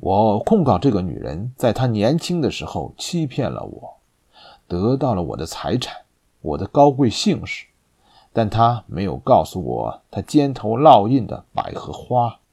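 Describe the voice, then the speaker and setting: A man's voice: on the low side, unhurried, gravelly, slightly rough, heavily acted. A man doing a cold, composed musketeer. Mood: bitter. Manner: cold, calm and controlled.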